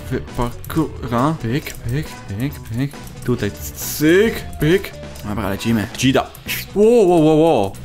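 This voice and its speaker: A man commentating his own video game play, excitable and jokey, often exclaiming and laughing while teasing other players. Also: mid-range voice. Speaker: gaming YouTuber. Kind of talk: Minecraft let's play commentary.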